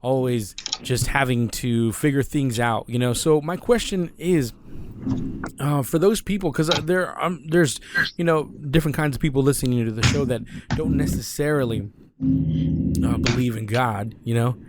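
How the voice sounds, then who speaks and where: Male host of middle pitch asking rambling, hesitant interview questions. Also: moderate pace, background noise. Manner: hesitant, many uh and um fillers. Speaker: podcast host.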